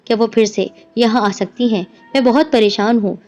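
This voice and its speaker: A woman narrating a horror story in a steady, scripted storytelling voice. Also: a little high. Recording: dull lo-fi with music behind.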